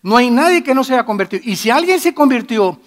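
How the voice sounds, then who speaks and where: A middle-aged pastor delivers a sermon to his church congregation with emphatic force, his voice pitched unusually high for a man. He alternates between loud declarations and hushed asides, with lively intonation and a quick pace.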